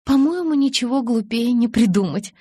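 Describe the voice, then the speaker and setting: A woman reading an audiobook, voicing an impatient, exasperated young woman in love, pleading and animated. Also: on the high side, normal speed, breathy edge, no room sound, clean studio sound, voice pushed up.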